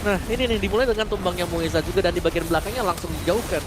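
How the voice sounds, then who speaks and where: A man's voice: high voice, rapid-fire, background noise. A man with an Indonesian accent giving live analysis as a commentator on an esports match. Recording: clear music behind live commentary.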